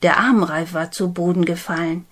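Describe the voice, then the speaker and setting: Eine Frau, die ruhig und gemessen ein Märchen vorliest. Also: female voice, on the low side. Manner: slow, calm, measured. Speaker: storyteller. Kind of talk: fairy tale reading.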